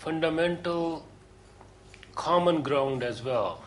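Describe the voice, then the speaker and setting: A man giving a lecture to a seminar group, earnest and deliberate, pausing often with hesitations. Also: a little high, animated, a little hiss or hum, rough recording. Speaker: course lecturer.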